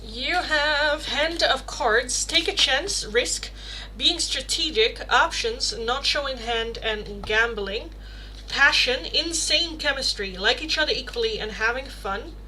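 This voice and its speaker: A young woman with a Dutch Rotterdam accent takes things slowly in a high, sharp-toned voice as she does an informal tarot livestream. Her talk rambles chattily through chat questions, heavy with fillers and self-corrections. The low-quality recording carries a little hiss or hum.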